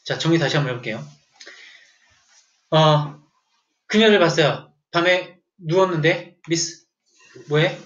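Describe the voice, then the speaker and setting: A man's voice: fairly high pitch, unhurried, pauses often, fairly bright tone. Jokey male teacher in an echoey classroom. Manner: jokey, storytelling, quizzing students. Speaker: English vocabulary teacher. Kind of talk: classroom lecture. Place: classroom with students. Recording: echoey room, dull lo-fi sound.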